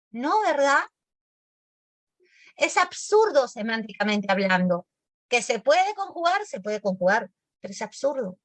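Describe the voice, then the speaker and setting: A woman's voice: medium pitch, dry recording. A woman teaching grammar in an online class, explaining patiently, calling her pupils sweet names and checking often that they follow. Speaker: language teacher.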